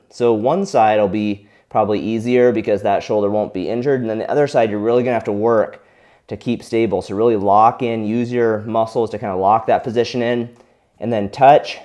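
A young man explaining shoulder exercises in a relaxed coaching tone while he demonstrates them. At times he is out of breath from the exercise. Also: on the low side. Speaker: physical therapy instructor.

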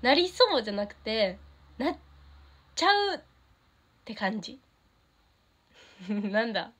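On her livestream, a Kansai-accented teenage idol from Japan chats casually with fans and reads their comments. Her mid-range voice is sing-song, a little slow, fairly bright and slightly rough. She's bubbly, giggles often and is easily delighted by the comments.

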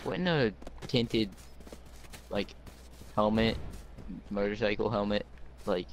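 Low-voiced, laid-back gamer man. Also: slow, a little hiss or hum. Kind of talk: casual gameplay chat.

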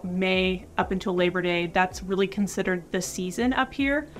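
A young woman talking casually to the camera as a vlogger, giving relaxed, informal advice with fillers, seated in a wood-panelled room. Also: mid-range voice.

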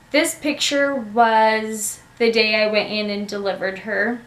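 A woman's voice: fairly high pitch, a bit bright, echoey room. A young woman chatting in a casual, upbeat home vlog, slightly out of breath as she talks. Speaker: vlogger.

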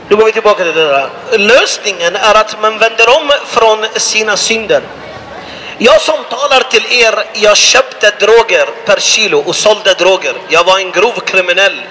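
A male street preacher with a very high, piercingly bright voice, preaching fervently in the open air. He declaims to passers-by and calls them his friends. Faint city noise sits behind him. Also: rough recording. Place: outdoors in a city square.

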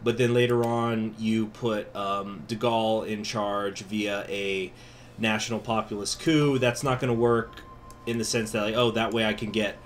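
A man's voice: fairly low pitch, little pitch movement, measured pace, slight background noise. A man speaking through a face mask, giving a chatty, informal strategy game tutorial as the host. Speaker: gaming video host. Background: music.

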